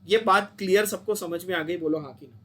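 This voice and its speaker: A man's voice: sits high, a little fast, fairly bright tone. A young Indian man teaching a chemistry lecture, coaxing his students, repeating points and asking them to say them back. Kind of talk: online lecture.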